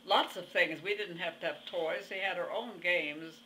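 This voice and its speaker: A woman over a hundred with a very old voice, answering an interviewer in a halting, plainspoken way with pauses mid-phrase. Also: fairly low pitch, sharp tone, a little hiss or hum, poor audio. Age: over 100. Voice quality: very old, aged voice. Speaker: interview guest. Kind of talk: reminiscing in conversation.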